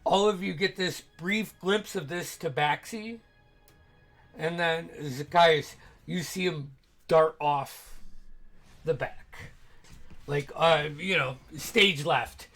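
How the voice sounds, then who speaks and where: A man narrating a tabletop game as game master, halting and descriptive as he pauses to think. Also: a little high, fairly bright tone, faint music behind.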